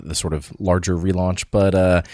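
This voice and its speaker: A man's voice: low voice, level tone, moderate pace, a little mellow, no echo, studio quality. A man hosting a podcast in casual chat, rambling with lots of filler words and restarts. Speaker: podcast host.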